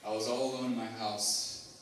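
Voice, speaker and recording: A young man giving a personal testimony as a student, halting, with many fillers and restarts. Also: lowish voice, little pitch movement, fairly bright tone, a little hiss or hum. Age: young adult. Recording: echoey hall, mic far off, faint ambience.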